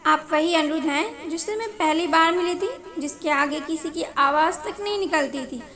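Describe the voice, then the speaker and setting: A fiery young woman who scolds her lover with insistent questions, put on by a woman narrator. Her voice is very high. It unfolds like a storybook scene. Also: normal speed, pushed and bright. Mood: teasing.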